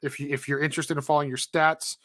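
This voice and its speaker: A man co-hosting a casual gaming podcast, chatty and animated, who laughs easily while plugging the show. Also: on the high side, fast talker, a little hiss or hum. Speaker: podcast co-host.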